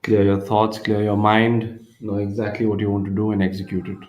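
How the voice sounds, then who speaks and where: A man working as a golf commentator, calling tournament play live in a measured manner with pauses. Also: fairly low pitch, monotone, darkish tone. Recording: roomy, echoing sound.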